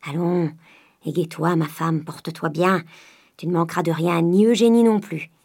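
A woman voicing a miserly old man who is by turns gruff and wheedling, with a lower voice and shifting pace. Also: fairly even intonation, moderate pace, a little mellow, no room sound, clean studio sound. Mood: coaxing, gruff.

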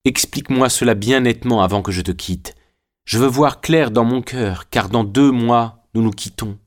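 A man's voice: medium pitch, moderate pace, close to an everyday voice. A man voicing a tearful, devoted noblewoman torn between faith and love in an audiobook, pleading with emotion. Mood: impassioned.

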